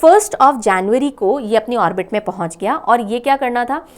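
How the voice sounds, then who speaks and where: A fairly high-pitched, expressive woman talks at a normal pace while teaching current affairs for exam preparation. She works through the material step by step, answers her own questions, and mixes English phrases into Hindi.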